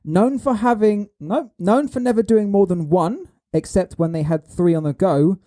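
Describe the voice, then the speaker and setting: A man's voice: sits high, moderate pace, mellow, no echo, studio quality. A man hosting a casual podcast, reading out quiz clues and teasing his co-hosts.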